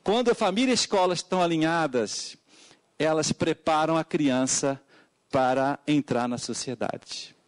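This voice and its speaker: Speaking at normal speed, a middle-aged man from Portugal testifies formally at a public hearing as an educator. His European Portuguese accent comes through alongside frequent hesitant fillers and sudden emphatic pitch jumps.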